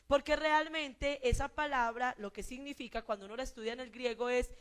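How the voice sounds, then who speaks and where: Woman, Colombian accent, pastor, sermon, high-pitched, rhetorical questions. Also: fairly even intonation, fairly quick, a bit bright, clean tone. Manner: asks the congregation repeated rhetorical questions.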